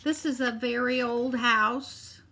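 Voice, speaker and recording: A woman voicing an old grandmother in a children's storybook, gentle and resigned but firm in her refusals. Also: fairly high pitch, steady tone, takes it slowly, breathy edge, full character voice.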